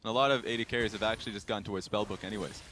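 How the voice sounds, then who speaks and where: A man's voice: lowish voice, fairly even intonation, very fast, a bit bright, slight background noise. A man doing color commentary on a live esports match, analytical and explaining plays at length.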